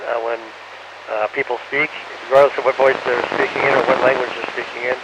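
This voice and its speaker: An astronaut answering students over a radio link from space that is breaking up. He speaks haltingly with frequent fillers and ends each answer with "over". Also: mid-range voice, little pitch movement. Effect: radio downlink from space, muffled and breaking up. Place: on board the space station. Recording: muffled radio link with faint static.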